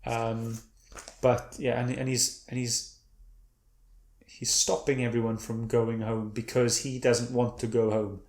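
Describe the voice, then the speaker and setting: A man's voice: medium pitch, little pitch movement, slow, darkish tone. Rambling man in an echoey room. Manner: meandering, self-correcting retelling. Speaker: comic book reviewer. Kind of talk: casual read-and-review chat.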